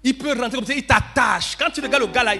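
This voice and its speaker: A man preaching a storytelling sermon in church, acting out dialogue and swinging between shouting and low murmurs. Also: fast talker, gravelly, husky, faint music behind. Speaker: pastor.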